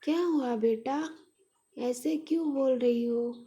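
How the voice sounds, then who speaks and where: A woman voicing a gentle, caring mother in a spoken story, with a soothing, patient manner. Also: sits high, slow pace. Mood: tender.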